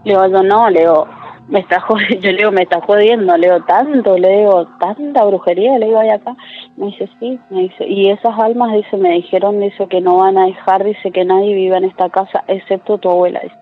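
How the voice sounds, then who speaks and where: A woman's voice: mid-range voice, steady tone, a little fast. A woman, a caller telling a true story in a chatty way with lots of tag questions. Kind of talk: casual storytelling. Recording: tinny phone line with faint noise.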